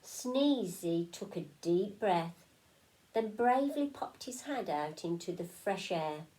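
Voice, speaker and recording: A woman teacher with a British accent reading a children's story aloud, expressive and playful. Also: fairly low pitch, takes it slowly, poor audio.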